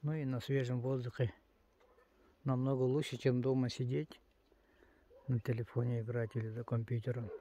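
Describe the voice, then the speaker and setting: A man's voice: medium pitch, flat delivery, normal speed, long pauses, mellow. Man chatting outdoors over background noise. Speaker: father filming his children. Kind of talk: casual outdoor narration and chat with children. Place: outdoors on a snowy sledding hill. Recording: noisy outdoor home video.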